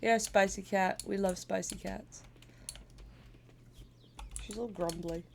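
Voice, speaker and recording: A woman's voice: mid-range voice, fairly even intonation, slow pace, gravelly, a little mellow, slight background noise. A woman streamer chatting casually and playfully while gaming, laughing often and sniffly with a stuffy cold.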